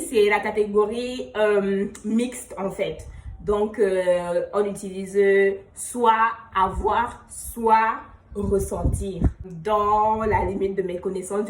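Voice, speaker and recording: A woman giving a casual spoken language lesson, explaining patiently, saying example phrases slowly and letting her sentences trail off quietly. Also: mid-range voice. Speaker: language teacher. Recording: roomy echo, voice a bit far from the mic.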